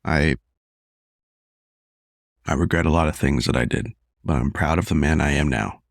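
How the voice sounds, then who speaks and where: A man hosts his podcast alone, speaking earnestly and openly about his own life. His voice sits low and gravelly, strained from sickness as he loses it. The sound is close and dry, with no room around it. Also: normal speed, dry recording. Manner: earnest, confessional. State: losing his voice, unwell. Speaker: podcast host. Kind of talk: solo podcast monologue.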